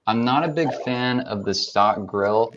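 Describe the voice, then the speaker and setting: A man's voice: mid-range voice, unhurried, a bit bright, slight background noise. A man co-hosting a casual talk show, chatting in a laid-back, hesitant way. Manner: laid-back, hesitant with ums and I-don't-knows. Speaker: co-host. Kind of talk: casual chat reviewing trucks. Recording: dull lo-fi sound.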